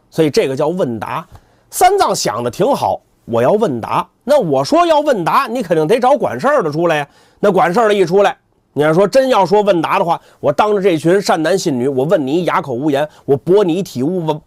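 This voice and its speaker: Animated male traditional storyteller, highish voice. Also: no echo, studio quality. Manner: conversational, emphatic, repeats phrases for effect. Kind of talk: dramatic colloquial storytelling with asides.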